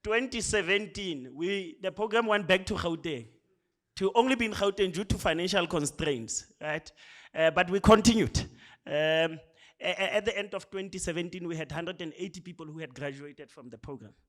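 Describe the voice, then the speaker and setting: A man's voice: high-pitched, moderate pace, fairly bright tone. South African man giving a chatty speech. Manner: conversational, often tags lines with "right?". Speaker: speaker. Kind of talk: speech at a programme launch.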